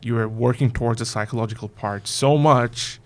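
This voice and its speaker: A man's voice: medium pitch, fairly quick. A man hosting a podcast, asking long, casual questions padded with "you know" and "like". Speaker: podcast host. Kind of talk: podcast interview.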